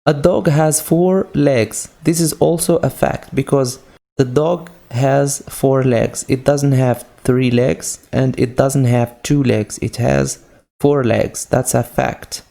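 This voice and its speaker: A Moroccan-accented man teaching an English grammar lesson at a slow, deliberate pace. His voice is dark and mellow with a gravelly edge, and he patiently repeats each point through simple example sentences. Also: medium pitch, fairly even intonation.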